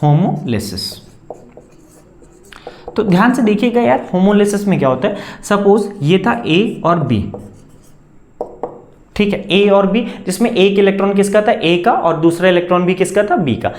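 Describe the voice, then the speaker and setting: A man's voice: sits high, lively intonation, darkish tone. A man teaching chemistry, coaxing students he calls beta and answering his own questions. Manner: dictates definitions slowly, word by word. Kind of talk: classroom lecture. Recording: echoey room.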